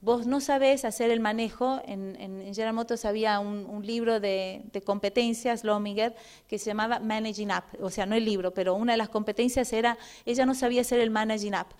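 Animated Argentine woman giving a talk. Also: on the high side, a little fast, clean tone. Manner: animated storytelling, frequent "eh" fillers, acts out dialogue. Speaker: guest speaker. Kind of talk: public talk with personal anecdotes.

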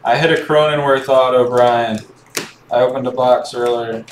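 A man hosting a live card break, calmly calling out each card as he opens packs and chatting with viewers. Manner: slow, low-key calling of cards while chatting to viewers. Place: indoor room with card boxes on a table. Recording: echoey room with faint background noise.

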